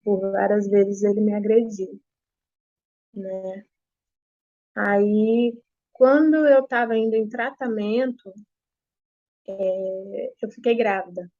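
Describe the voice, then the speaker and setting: A young adult woman with a Brazilian Portuguese accent gives an emotional personal testimony, repeating herself with halting pauses, at home. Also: mid-range voice, steady tone, warm tone, dry recording. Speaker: interviewee giving testimony. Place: apartment at home. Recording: slightly dull lo-fi, dry.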